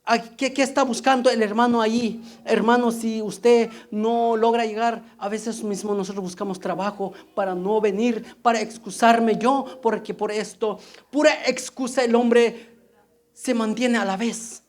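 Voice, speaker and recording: A man's voice: high voice, fairly even intonation, measured pace. A man preaching a fervent sermon who keeps addressing his listeners as brother and repeats his phrases.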